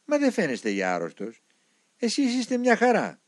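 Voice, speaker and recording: A man voicing a cheerful middle-aged male publisher who speaks in a brisk, reassuring way. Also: high-pitched, huge pitch swings, pitched above the performer's own voice, heavily acted.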